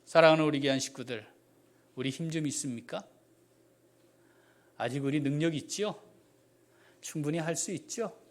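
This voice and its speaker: A man, the pastor, preaching a sermon with animated delivery, jumping from loud exclamations to quiet asides and questioning the congregation. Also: mid-range voice.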